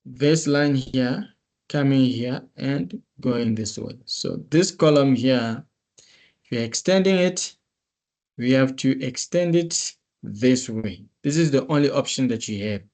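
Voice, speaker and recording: A man's voice: medium pitch, slow pace, darkish tone. A male instructor on a video call, walking through a screen-share tutorial step by step in a methodical way. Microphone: computer mic on a meeting call.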